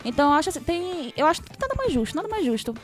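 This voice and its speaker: A woman's voice: extremely high pitch, very animated, rapid-fire, faint music behind. A woman in a casual podcast chat, earnestly making her point while searching for words and restarting her sentences. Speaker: podcast co-host.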